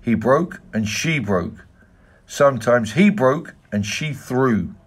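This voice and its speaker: A man's voice: mid-range voice, expressive, takes it slowly, breathy edge. A man voicing a grumpy, suspicious elderly paleontologist who speaks in clipped, broken English. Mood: cackling.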